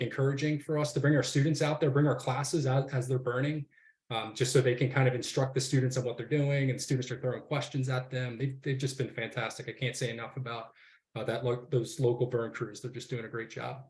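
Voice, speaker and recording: Man, forestry faculty, rambling casual webinar talk, rapid, echoey room. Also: medium pitch. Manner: rambling, many fillers and restarts. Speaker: university forestry faculty panelist.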